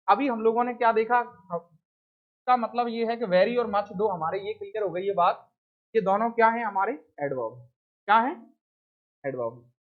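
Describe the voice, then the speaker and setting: Hindi-speaking male teacher quizzing his class. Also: high voice. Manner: keeps asking the class rhetorical questions and answers them himself. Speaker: English grammar teacher. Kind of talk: classroom lecture. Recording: dull lo-fi recording.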